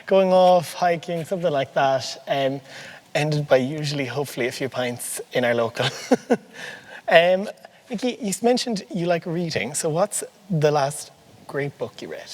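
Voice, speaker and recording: A man's voice: fairly high pitch, very animated, moderate pace. A man in his early twenties with an Irish midlands accent, chatting casually and talkatively as a student podcast co-host. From Portlaoise, Irish midlands. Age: early 20s. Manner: talkative, informal. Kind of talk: casual chat.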